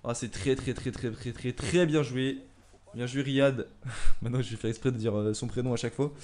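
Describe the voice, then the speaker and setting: A young man gives let's-play commentary over his own soccer game in a mid-range, ordinary voice. He muses calmly through menus and team choices, then bursts into loud, excited shouts whenever a chance comes close. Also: mid-range voice, moderate pace.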